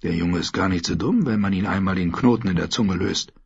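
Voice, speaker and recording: A man narrating a fantasy audiobook with expressive storytelling. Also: low voice, brisk, gravelly, slightly rough. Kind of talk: scripted narration. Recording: dull lo-fi audiobook recording.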